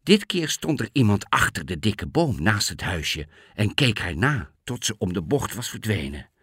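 Lively man reading a children's fairy tale. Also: on the low side, normal speed, breathy edge, no room sound, studio quality. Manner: expressive, lively read-aloud. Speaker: storyteller.

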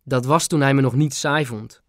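A man's voice: medium pitch, fairly even intonation, moderate pace, dry recording, studio quality, lightly acted. A man voicing an elderly grandmother who is devoted to her grandson. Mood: tender. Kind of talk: audiobook character voice.

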